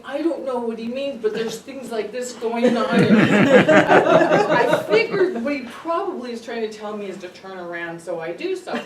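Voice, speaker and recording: Animated woman telling funny stories in a hall. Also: a little high. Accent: Californian. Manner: animated storyteller, laughs often, acts out quotes. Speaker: speaker at a club meeting. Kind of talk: humorous personal speech. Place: meeting room. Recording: echoey room from far off, noisy.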